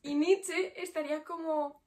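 A woman's voice: sits high, steady tone, measured pace, dark tone. A young woman, co-hosting a casual podcast chat, joking and laughing often. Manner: playful, laughs often, imaginative riffing. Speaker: podcast co-host.

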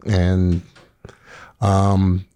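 A man's voice: low-pitched, monotone, drawn-out words, dark tone. A man in his early fifties with a Queens, New York accent, chatting casually as an interview guest. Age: early 50s. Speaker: guest, firefighter and actor.

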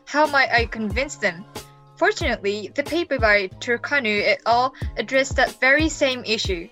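A woman's voice: lively intonation, normal speed, sharp tone, soft background music. A young woman voicing a salesy infomercial announcer in a comedy parody. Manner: salesy pitch. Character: peppy female infomercial announcer.

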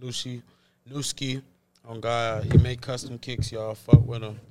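A man's voice: medium pitch, level tone, unhurried, very noisy. A young man appearing as a guest on a casual late-night podcast, talking in a laid-back, slangy way.

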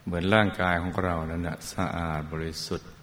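A man leading a guided meditation, speaking gently and soothingly, drawing out his words with long pauses and calling listeners his children. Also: sits low, fairly even intonation. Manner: calls listeners "child" fondly. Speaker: meditation teacher. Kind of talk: slow guided meditation instruction.

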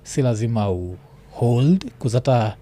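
A man's voice: mid-range voice, lively intonation, unhurried, warm tone, a little hiss or hum. A man with a Kenyan accent in a casual chat, slipping between slang and English and often repeating himself in agreement.

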